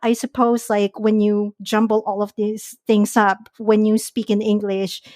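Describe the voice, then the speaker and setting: A woman's voice: medium pitch, little pitch movement, unhurried, a little mellow, no echo, clean studio sound. A woman from the Philippines hosting a podcast, talking in a thoughtful, friendly, casual way. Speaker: podcast host. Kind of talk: casual conversation. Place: at home in Singapore.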